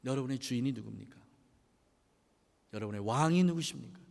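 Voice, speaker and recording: A man preaching a sermon as pastor, animated and asking the congregation rhetorical questions, in a church sanctuary. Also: mid-range voice, a little fast, creaky. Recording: long church hall reverb.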